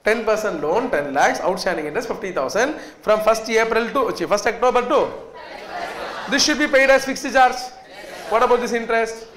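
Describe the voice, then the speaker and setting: A South Indian man lectures in a fairly high voice, hammering points home by repetition and quizzing his students. The room is echoey, with a class faintly audible around him. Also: moderate pace, a bit bright, a faint crowd. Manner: emphatic, repetitive, questions students often. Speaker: accountancy lecturer.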